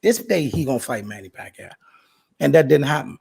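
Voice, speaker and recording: A man's voice: medium pitch, sing-song, a little fast, creaky, darkish tone, husky. A man in his late forties arguing sports in a casual debate, emphatic and often repeating himself. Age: 40s. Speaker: co-host.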